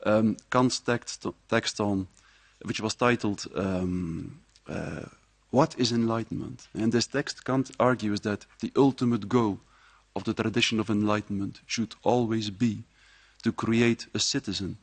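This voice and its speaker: A man with a low voice and a gravelly edge talks to an audience like a professor giving a lecture. He is measured and reflective. The sound is dry and close. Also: fairly even intonation, no room sound. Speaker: university professor giving a talk. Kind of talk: public speech at a presentation. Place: live event before an audience.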